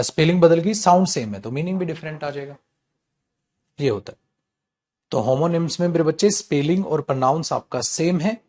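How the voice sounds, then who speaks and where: A man lectures a class on English words. He speaks in a lively, animated way and repeats key points again and again. His voice sits a little high for a man. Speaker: English teacher.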